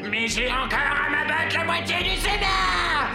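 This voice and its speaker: A man playing a paranoid, bigoted cartoon villain boss, pompous and melodramatic, in a shouting voice. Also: extremely high pitch, lively intonation, a little slow, vocal fry, reverberant, over loud music, exaggerated voice. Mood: pompous fury.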